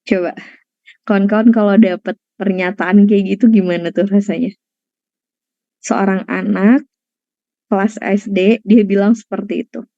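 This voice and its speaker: A woman's voice: medium pitch, steady tone, measured pace, long pauses, no echo. Conversational woman giving an online talk. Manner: conversational, addresses listeners as friends, slips in English words. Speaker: parenting counselor and speaker. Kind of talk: online parenting lecture. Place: indoors at home during a power cut. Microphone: video call. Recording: dull, lo-fi video-call audio.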